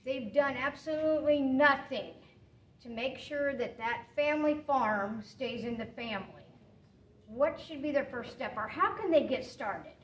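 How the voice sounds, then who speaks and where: A middle-aged woman extension agent hosting an interview in a plain, friendly, slightly halting way, seated in a small indoor studio room. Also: sits high, expressive. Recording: roomy, slightly distant, faint hiss.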